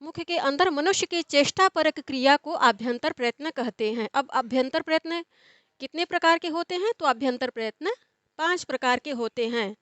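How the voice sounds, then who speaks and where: High-voiced woman teaching Sanskrit grammar. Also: moderate pace, a bit bright, no room sound. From India. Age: young adult. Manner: repetitive, rephrasing as she explains. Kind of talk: explanatory lecture.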